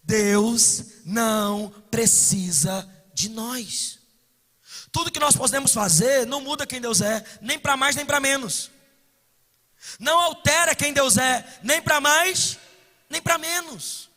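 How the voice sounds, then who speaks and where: A man with a Brazilian accent preaching at a conference, passionate, moving between loud declarations and hushed asides. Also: extremely high pitch, slow. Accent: Brazilian Portuguese. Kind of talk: conference sermon. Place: conference hall. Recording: echoey hall reverb.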